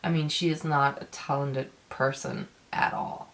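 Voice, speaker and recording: A woman giving a casual video review, ranting emphatically in a halting, repetitive way. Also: very deep voice, huge pitch swings, vocal fry, a bit bright. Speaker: film reviewer.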